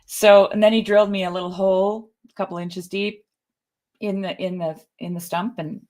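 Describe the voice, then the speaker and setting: A woman's voice: mid-range voice, steady tone, normal speed, a little mellow. A woman, co-hosting a podcast and telling a rambling personal story in casual chat, restarting often. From Canada. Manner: chatty storyteller with frequent restarts and laughs. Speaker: podcast co-host.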